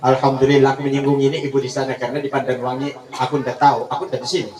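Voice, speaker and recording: A man giving a joking, animated sermon at a large religious gathering, acting out quoted couples. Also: medium pitch, very fast. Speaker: preacher. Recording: echoey, distant mic with crowd.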